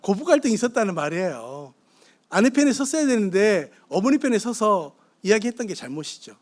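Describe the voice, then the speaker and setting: A man's voice: high-pitched, sing-song, fairly quick. A middle-aged man preaching a sermon on marriage to a church congregation, asking them questions as he goes. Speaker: guest pastor. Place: church sanctuary.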